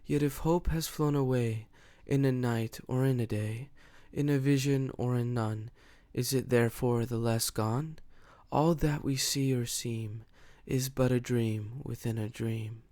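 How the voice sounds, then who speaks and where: A man giving a slow, measured, rhythmic dramatic reading of poetry as an audiobook narrator. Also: mid-range voice, steady tone, warm tone, dry recording. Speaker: audiobook reader.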